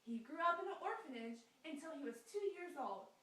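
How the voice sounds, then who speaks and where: A woman voices a bright, high, lively girl puppet in a scripted skit read aloud, earnest and explanatory in a sing-song storybook manner. Her brisk voice swoops up and down with a sharp, brilliant edge. She sounds set back from the mic in an echoey room, on a distant mic.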